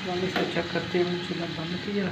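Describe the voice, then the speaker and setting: Here the same kind of scene plays out: a man presenting a recipe at home, explaining each step casually and saying things more than once. His voice sits high with little pitch movement and comes out rapid-fire, captured on an echoey, dull phone recording in a small hard-walled kitchen full of loud sizzling.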